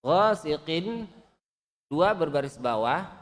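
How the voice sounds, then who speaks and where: A man teaching Quran recitation, correcting pronunciation and drilling syllables slowly for his students to repeat. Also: fairly high pitch, lively intonation. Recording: long hall reverb.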